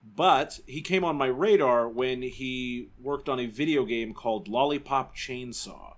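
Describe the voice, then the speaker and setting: A man's voice: medium pitch, unhurried. A man co-hosting a casual film podcast, easygoing, with dry remarks. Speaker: podcast co-host.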